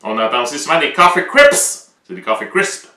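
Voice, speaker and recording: A man's voice: a little high, wildly swooping pitch, brisk, pushed and bright, echoey room, far from the mic. A man with a Québécois French accent, explaining pronunciation in a playful, joking way as the presenter of an educational show.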